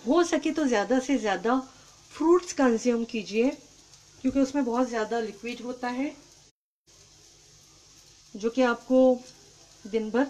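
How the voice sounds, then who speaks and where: In a home kitchen, a woman hosts a live cooking show, greeting viewers by name and chatting as she cooks. Her voice is a little high with a darkish tone, and the poor audio carries a bit of hiss or hum.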